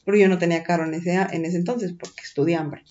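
A woman with a Mexican accent tells a personal story in casual chat, animated and full of slang and swearing. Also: on the low side, quick pace, muffled recording.

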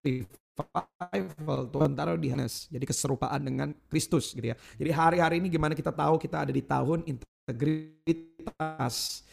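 Youth pastor guy, 30s, preaching with crowd shout-backs, pretty high voice. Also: moderate pace, creaky, soft background music. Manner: lively preaching with call-and-response and casual storytelling; refers to himself in the third person. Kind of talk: sermon. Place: church youth service.

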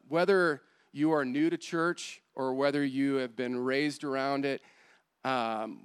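A man preaching a sermon, telling a story in an animated way with many fillers. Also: medium pitch, smooth. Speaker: pastor. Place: church service.

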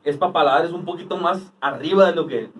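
A man's voice: fairly high pitch, a little fast. A young Mexican man joking with crude slang during a casual beer-tasting chat. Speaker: co-host. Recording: voice a bit far from the mic.

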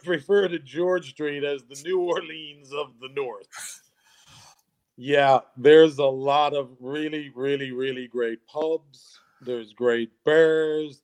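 A middle-aged man with a voice pitched a little above most men's. He talks in a loose, chatty way, laughing easily and stumbling over repeated words at the start of his sentences. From Newfoundland, Canada. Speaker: guest, local tourism voice. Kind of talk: casual chat.

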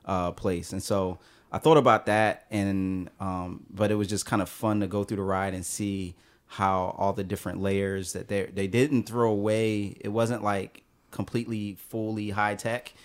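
A man on a podcast panel, speaking thoughtfully and in a measured way, with frequent restarts. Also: lowish voice, little pitch movement. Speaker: panel guest. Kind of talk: casual podcast discussion.

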